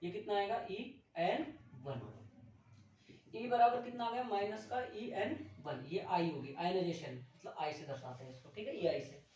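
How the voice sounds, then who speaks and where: A man's voice: high voice, darkish tone. A male physics teacher lecturing and quizzing his class in a firm, scolding way. He is recorded from a distance in a very echoey room. The sound is dull and lo-fi, with a faint hiss underneath. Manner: scolding, brisk teacher calling students to stand. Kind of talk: classroom lecture with student questioning.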